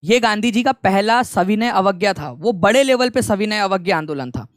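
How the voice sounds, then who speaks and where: A man's voice: sits high, expressive, moderate pace, dry recording, studio quality. A young man teaching an online exam-prep lecture in a conversational way, repeating key points and mixing in English phrases.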